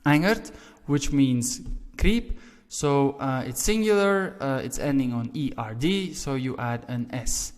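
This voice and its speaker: A man's voice: mid-range voice, a little slow, in a large hall. A man teaching a language lesson, explaining grammar rules patiently, repeating each example and checking in with "right?".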